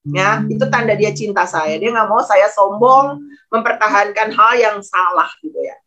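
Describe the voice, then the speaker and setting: A woman's voice: medium pitch, normal speed, sharp tone, dull audio. A woman pastor giving a testimony sermon in a conversational storytelling manner, often addressing the congregation directly.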